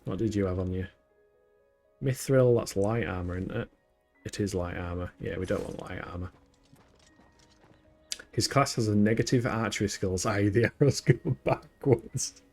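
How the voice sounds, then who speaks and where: A man's voice: on the low side, normal speed, pauses often, darkish tone, faint music behind. A man giving casual, joking commentary as he streams a game, laughing often.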